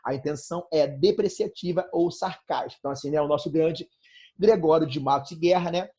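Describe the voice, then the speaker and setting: A Brazilian man with a somewhat higher, slightly husky voice teaches an online class from his bedroom. He talks loosely and conversationally, tagging nearly every phrase with a quick check-in to his students. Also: darkish tone. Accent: Brazilian Portuguese. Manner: casual, fillers like "né, cara?" and "tranquilo?". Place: bedroom at home.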